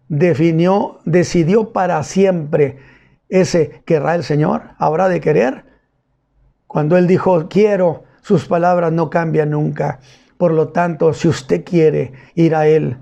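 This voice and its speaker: A male pastor preaching a sermon and retelling a scripture story vividly and deliberately. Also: a little high, vocal fry, mellow.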